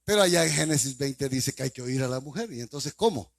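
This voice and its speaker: A male pastor with a Salvadoran accent preaching a sermon, firing repeated rhetorical questions at the congregation with sudden loud bursts. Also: medium pitch, animated, a little fast, gravelly. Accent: Salvadoran Spanish.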